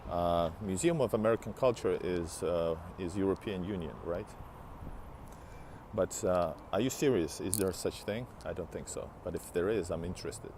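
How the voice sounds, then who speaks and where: A man's voice: deep voice, normal speed, noisy background. A man in his thirties, live-streaming on foot outdoors through an earbud headset mic, chatting to viewers in a rambling way with many restarts, sounding tired. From Latvia and Finland. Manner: rambling, restarts often, talks back to chat. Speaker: live-streaming travel vlogger. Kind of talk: casual live stream chat answering viewers. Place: outdoors on a city street beside a large building. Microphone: wired earbud headset, phone held at arm's length.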